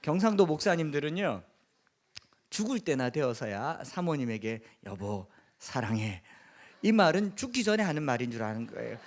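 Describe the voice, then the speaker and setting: A man's voice: fairly high pitch, very animated, fairly quick. A middle-aged man from the Gyeongsang region, a pastor with a Gyeongsang Korean accent, preaching a sermon earnestly with humorous asides. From Gyeongsang region, South Korea.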